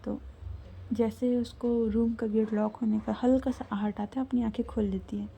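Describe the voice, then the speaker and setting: A woman narrating a serialized love story in a soft, often half-whispered manner. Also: on the high side, flat delivery, normal speed, creaky, a little hiss or hum, rough recording.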